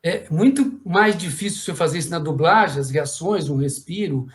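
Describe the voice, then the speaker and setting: A middle-aged puppeteer and voice actor tells anecdotes on a panel at a moderate pace in a higher-pitched voice. A lively storyteller, he acts out the voices of people he quotes and often says "né?".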